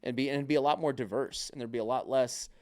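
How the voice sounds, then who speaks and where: Smooth-voiced man in loose, swearing chat. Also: mid-range voice, quick pace, a little mellow. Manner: swearing, rambling, heavy filler words; acts out other people's remarks. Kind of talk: casual podcast chat.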